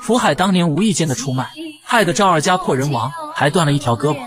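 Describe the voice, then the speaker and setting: Fast-talking man narrating a drama recap. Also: a little high, a crowd in the background. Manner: brisk, lively storytelling. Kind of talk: storytelling narration.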